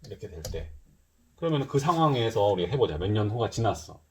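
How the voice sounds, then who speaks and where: A middle-aged man with a low voice teaches a math lesson, his pitch rising and falling a lot as he thinks aloud. He moves between polite and casual speech. Faint clicks and a little hiss sit behind him. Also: big pitch swings, quick pace. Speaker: math tutor.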